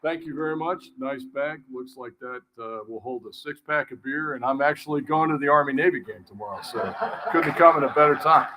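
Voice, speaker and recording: A man's voice: a little high, a little fast, background noise. A man giving an encouraging address to graduates at a ceremony. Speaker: guest speaker.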